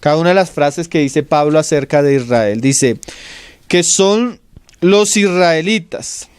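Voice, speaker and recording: A middle-aged Colombian man preaching a Bible study, calling listeners "brother", checking in with quick questions, and letting phrase endings fall to a whisper. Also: sits high, clear, resonant tone, no room sound. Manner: addresses listener as "hermano", asks "¿sí?" checks, trails off into whispered endings. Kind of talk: expository Bible teaching.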